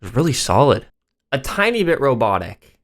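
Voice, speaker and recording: A man's voice: mid-range voice, big pitch swings, moderate pace, fairly bright tone. A man hosting a reaction channel, talking casually and enthusiastically about songs as he thinks aloud.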